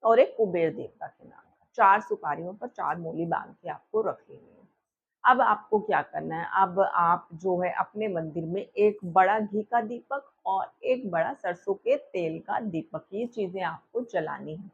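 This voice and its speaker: Woman, husky, sore throat, step-by-step ritual instructions, dull lo-fi recording. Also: fairly low pitch, measured pace. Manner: step-by-step, asks and answers her own questions, many fillers. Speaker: astrologer explaining Diwali puja. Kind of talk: instructional talk to viewers.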